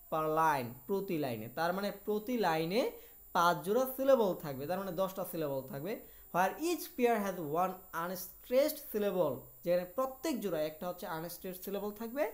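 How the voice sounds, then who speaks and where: Woman teaching a literature lesson. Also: fairly low pitch. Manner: explains each point in Bengali after reading it in English; asks rhetorical questions and answers them herself. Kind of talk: video lecture.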